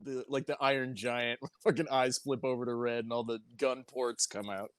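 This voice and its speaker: A man's voice: mid-range voice, steady tone, normal speed, no echo. Joking man, dry close sound. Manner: joking, laughs while talking. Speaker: player. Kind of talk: casual tabletop game chat.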